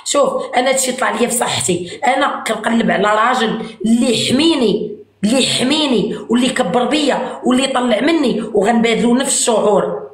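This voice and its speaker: A woman's voice: fairly high pitch, fast talker. A woman with a Moroccan accent in a heated argument on a live stream, talking over her partner and hammering the same point. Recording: echoey room.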